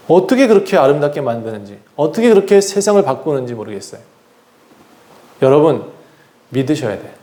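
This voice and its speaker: A man's voice: sits high, darkish tone, reverberant. A man preaching a sermon as pastor of his church, earnest, acting out the voices of people he quotes. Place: church sanctuary.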